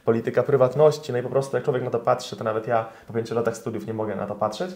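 A man's voice: mid-range voice, little pitch movement, racing, a little mellow. A young man, a lawyer, answering interview questions in an explanatory way, with frequent fillers and polite address to viewers.

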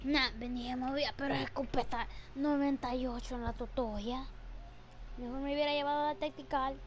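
A woman, chatting excitably with her teammate while streaming a game, and teasing him often. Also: high voice, moderate pace, background noise. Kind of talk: casual gameplay chat with a teammate. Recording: loud game music behind the voice. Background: loud music.

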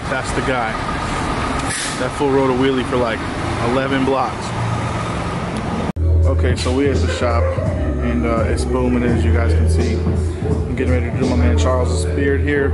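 A young man, a barber, chatting casually to a camera held at arm's length, first in his car and then in a busy barbershop, in relaxed slangy talk. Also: medium pitch, low-quality recording. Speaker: barber vlogger. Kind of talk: casual vlog chat.

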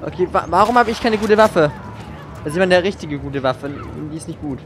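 Streaming a let's play, a man mutters sarcastic commentary to himself over the game sounds. His voice sits high with lively intonation and a brisk pace, carrying a slight hiss or hum.

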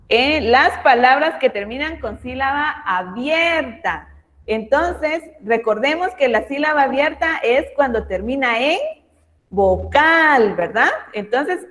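A woman teaching a primary class of young children over a video call, patient and affectionate, reading words aloud slowly and with emphasis. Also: high-pitched, fairly bright tone, in a large hall. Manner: affectionate toward pupils.

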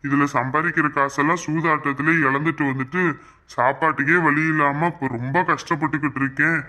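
A man's voice: a little high, steady tone, bright, forceful tone. A man playing an educated, remorseful middle-aged father who speaks earnestly. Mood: worried. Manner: earnest, measured pleading. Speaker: father-in-law in a family drama. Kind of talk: web drama acting.

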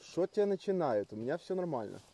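A man's voice: fairly high pitch, sing-song, fast talker, mellow, slightly rough. A young man in casual, coarse, blunt and teasing chat, recorded outdoors at a campsite.

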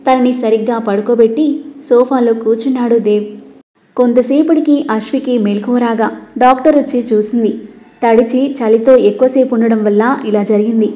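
A woman reading a story aloud in steady scripted narration. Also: on the high side, moderate pace. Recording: dull lo-fi recording.

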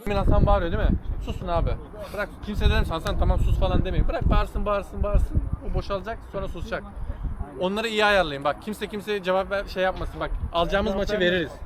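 A man coaching his amateur football team in an urgent, instructive team talk on an outdoor pitch. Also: steady tone, quick pace, crowd noise, low-quality recording.

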